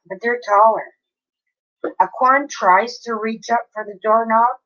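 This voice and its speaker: A woman's voice: medium pitch, highs cut off. A woman, livestreaming from home and telling a long story in a casual, chatty way with frequent swearing. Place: home, near an open window.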